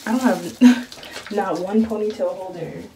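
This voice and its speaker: A woman's voice: mid-range voice, a little slow. Young woman, casual home vlog, blunt and joking, a bit distant from the mic, faint background hiss. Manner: blunt, playful, swears freely. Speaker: vlogger. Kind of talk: casual chat to camera. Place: at home doing her hair.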